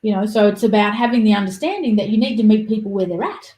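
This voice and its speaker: A woman's voice: mid-range voice, quick pace, darkish tone, echoey room, slight background noise, rough recording. A woman, chatting casually as a podcast guest and acting out quoted voices.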